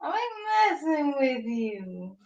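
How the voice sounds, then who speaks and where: Woman, high lively voice, teasing and dismissive, dull muffled recording, loud crowd noise behind. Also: slow pace. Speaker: co-host, wife. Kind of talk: casual chat.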